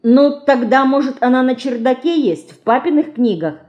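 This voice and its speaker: A woman reading an audiobook, voicing a lively, stubborn little girl who pleads and bosses. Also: sits high, moderate pace, lo-fi sound, pitched above the performer's own voice. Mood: eager. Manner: eager, pleading, bossy.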